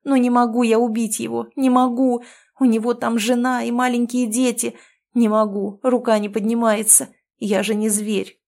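An anguished young man, a lovestruck graveyard watchman torn by guilt. A woman reads him with a dark, mellow tone close to her own voice, in a storybook telling. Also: a little high, level tone, moderate pace, gravelly. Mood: pleading.

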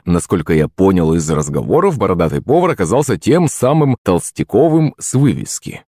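Lively low-voiced male audiobook narrator. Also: fairly quick, no echo, clean studio sound. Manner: expressive, voices the characters. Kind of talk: scripted first-person audiobook narration.

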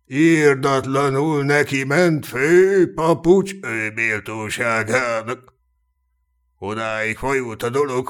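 A man voicing a cynical, sharp-tongued knight of peasant birth in a humorous fantasy audiobook, chuckling and mocking as he tells his tales. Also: medium pitch, lightly acted. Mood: teasing. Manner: mocking, chuckling, earthy storyteller. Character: cynical boastful human knight, commoner-born, sharp-tongued. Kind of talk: audiobook character reading.

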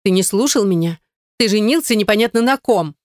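A woman reading an audiobook, voicing a shrill, jealous, scheming young woman who squeals her lines. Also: animated, a little fast, darkish tone, no room sound, studio quality, natural voice. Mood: shrill accusing. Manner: squealing, pleading then accusing. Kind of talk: audiobook character voice.

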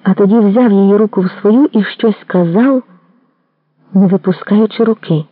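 A narrator reading a literary novel aloud in a measured, even storytelling manner. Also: medium pitch, no room sound, phone-quality sound. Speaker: audiobook narrator.

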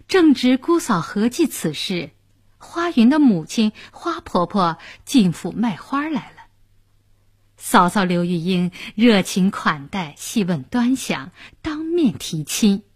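Husky woman storyteller with a lively voice. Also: mid-range voice, no echo, clean studio sound. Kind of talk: traditional storytelling narration.

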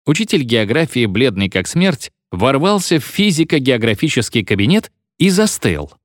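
Animated theatrical male storyteller. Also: medium pitch, moderate pace, no echo, studio quality. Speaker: narrator. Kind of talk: expressive audiobook reading.

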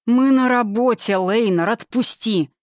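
A woman's voice: on the high side, a little slow, no echo, studio quality, close to an everyday voice. Woman voices a stern, growling male doctor, audiobook. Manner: growling, curt.

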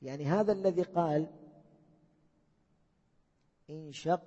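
A man's voice: a little high, normal speed, dark tone, slightly rough. A man teaching a classroom lesson, questioning his students and repeating key points. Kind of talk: classroom lesson on Arabic morphology. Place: lecture hall. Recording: dull lo-fi recording with long hall reverb.

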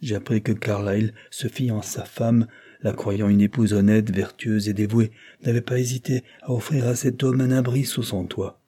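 A man's voice: on the low side, little pitch movement, moderate pace, dark tone, husky. A man reading as a stern old count. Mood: reproachful. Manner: stern, reproachful, lecturing. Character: stern older aristocratic male count, severe.

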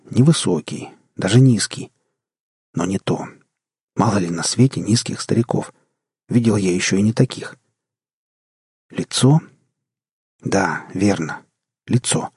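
A man narrating a post-apocalyptic audiobook in the first person, measured and tense. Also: lowish voice, a little mellow, husky, no room sound, clean studio sound.

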